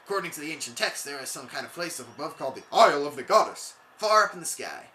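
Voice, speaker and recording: Surfer-dude rock creature with a hillbilly twang , voiced by a let's player: bright, swooping drawl, says "bud" a lot. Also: mid-range voice, very animated, fast, roomy sound, slight background noise. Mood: laid-back. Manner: calls the listener "bud". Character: excitable male rock creature who talks like a surfer.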